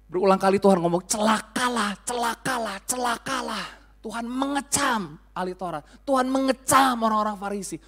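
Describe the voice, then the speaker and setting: A man in his thirties preaching a sermon as pastor, in a casual, joking way, acting out quoted scoldings. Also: sits high.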